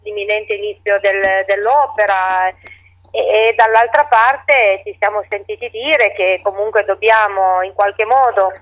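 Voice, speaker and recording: A woman, a town mayor, answering interview questions over the phone in halting speech that often restarts its phrases. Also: mid-range voice, fairly even intonation. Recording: tinny phone line.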